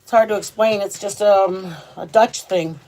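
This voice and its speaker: A woman with a medium-pitched, slightly mellow voice talks at a moderate pace. She hosts a home cooking vlog, chatting informally in her kitchen as she demonstrates to camera and calls her viewers "guys."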